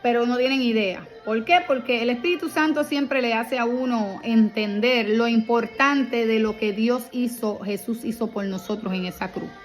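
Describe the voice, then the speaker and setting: High-voiced heartfelt woman preaching. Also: moderate pace, few pauses, soft background music. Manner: heartfelt, emphatic, rhetorical questions. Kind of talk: devotional Bible teaching.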